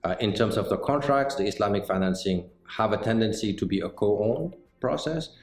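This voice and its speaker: A middle-aged man from Senegal, a mortgage banker answering interview questions in a measured, explanatory way with frequent pauses. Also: on the low side, lively intonation, a little mellow. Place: indoor office set with bookshelves. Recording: roomy indoor sound with faint music.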